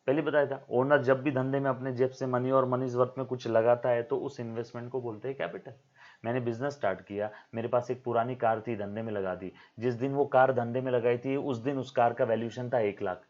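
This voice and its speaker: A male accounting teacher, giving a lecture in a voice of ordinary pitch for a man. He keeps repeating key terms, asks his class rhetorical questions and speaks to them fondly as to his own children. The recording sounds dull and lo-fi. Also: a little mellow.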